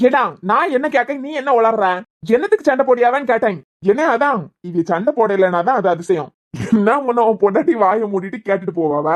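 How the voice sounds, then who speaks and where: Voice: medium pitch, lightly acted. A performer voicing a grumbling cartoon family man with a Kanyakumari Tamil accent, needling and bantering. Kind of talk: cartoon web series dialogue.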